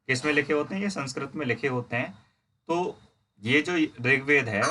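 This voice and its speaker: A man teaching a history lesson in Hindi. He reads English lines slowly, explains them, and asks and answers his own questions. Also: mid-range voice, noisy background. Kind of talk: classroom lecture explaining a textbook.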